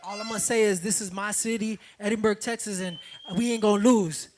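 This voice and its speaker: A man's voice: high-pitched, fairly even intonation, a little fast, a little mellow, faint music behind. A man, a boxer, giving a short interview answer to his fans at a weigh-in.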